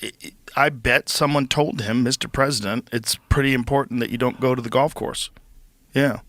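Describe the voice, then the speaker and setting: A man's voice: mid-range voice, steady tone, moderate pace, fairly bright tone, no room sound. A man hosting a podcast, chatting casually and mostly reacting with short questions and remarks. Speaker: podcast host. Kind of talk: casual chat.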